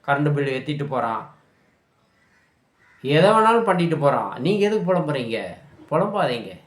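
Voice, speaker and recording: A man ranting in anger about politics, scolding and shouting at his listeners. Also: fairly high pitch, reverberant. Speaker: political commentator. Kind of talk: angry political rant.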